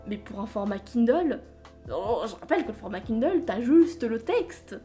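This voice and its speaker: Book vlogger lady rambling on, kinda high voice, stammers and laughs at herself a lot. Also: sing-song, normal speed, dark tone, faint music behind. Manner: rambling and self-mocking, stumbles over words. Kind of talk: casual chat.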